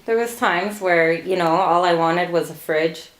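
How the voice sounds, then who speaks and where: In a rough recording with an echoey room, a woman in her late thirties, born in Portugal, speaks unhurriedly with a voice on the low side. She answers family interview questions in relaxed storytelling, laughing often.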